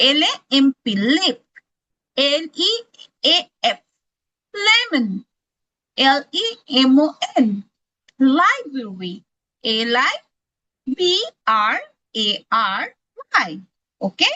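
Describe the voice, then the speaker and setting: A woman's voice: high-pitched, big pitch swings, drawn-out words, pauses often, bright, forceful tone, dull audio. A woman with a Bangladeshi accent teaching children phonics, carefully enunciating each word and explaining in Bengali. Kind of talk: slow, deliberate phonics lesson for children.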